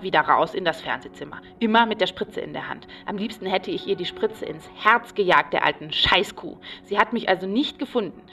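A woman's voice: on the low side, a bit bright, distant mic. An agitated, paranoid patient rambles and repeats herself obsessively in a radio play monologue. She is recorded a little way back from the microphone.

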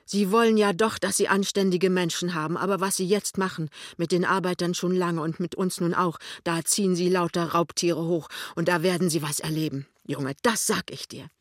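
A man's voice: sits high, steady tone, moderate pace, few pauses, fairly bright tone, no room sound, studio quality. A man voicing a young working-class wife who speaks firmly and indignantly in an audiobook reading. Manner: indignant, firm.

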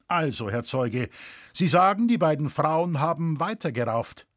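A man voicing a stern, proper judge who questions in formal, measured speech in a storybook reading. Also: a little high, expressive, a bit bright, no room sound, clean studio sound. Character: stern, proper middle-aged male judge.

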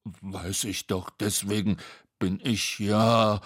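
A fretful, slow-spoken companion in a lower, plainer voice, drawn out and a little whiny, as a man reading aloud plays him. The sound is dry and close. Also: very animated, no echo, exaggerated voice. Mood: glum, unsure. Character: timid, fretful male storybook companion. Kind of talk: storybook read-aloud.

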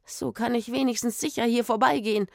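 A woman's voice: a little high, steady tone, brisk, creaky, no echo, clean studio sound. A woman voicing a fearful, superstitious old village woman who hisses urgent warnings, in a children's audio story. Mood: insistent. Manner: hissing, urgent and imploring.

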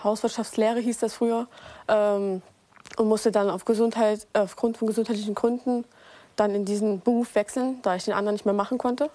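A woman's voice: mid-range voice, fairly even intonation, brisk, dark tone, dry recording. A 21-year-old woman apprentice answering interview questions, eager and a little hesitant.

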